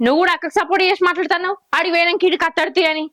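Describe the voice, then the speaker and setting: A woman playing a fiery, sharp-tongued village wife. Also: very high voice, fairly even intonation, rapid-fire, dry recording. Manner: combative, sarcastic. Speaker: actor in a village comedy short.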